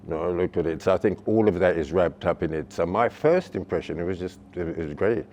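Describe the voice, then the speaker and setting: A man's voice: deep voice, lively intonation, a little fast, darkish tone, a little hiss or hum. An older man from Jamaica, speaking reflectively and searching for words in a documentary interview.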